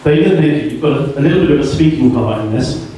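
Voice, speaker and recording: A man giving a joking best man speech in deadpan delivery at a wedding reception. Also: medium pitch, fast talker. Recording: echoey hall from far off, laughing crowd. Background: guests laughing.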